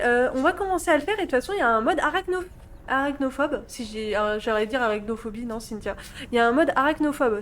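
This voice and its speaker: Excitable high-voiced woman streaming a game. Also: slight background noise. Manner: excitable, laughs often, reads game dialogue aloud in translation. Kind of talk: gameplay let's play commentary.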